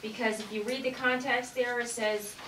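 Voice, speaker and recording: A woman's voice: on the high side, steady tone, normal speed, noisy background. Woman reading scripture in an echoey room. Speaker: Bible study member. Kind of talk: reading scripture aloud in group discussion. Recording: echoey room, distant mic.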